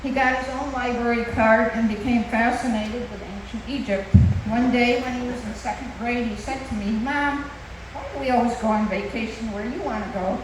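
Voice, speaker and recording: Older woman, mother's wedding toast, composed delivery, slightly high pitch, distant from the microphone. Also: steady tone, normal speed. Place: large reverberant venue. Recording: echoey hall, distant, noisy.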